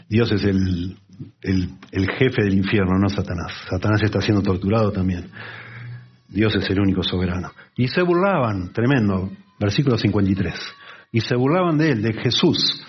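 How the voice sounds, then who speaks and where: A man preaching a conversational Bible sermon, with lively asides and acted-out quotes. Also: fairly low pitch, normal speed, slightly rough, muffled recording.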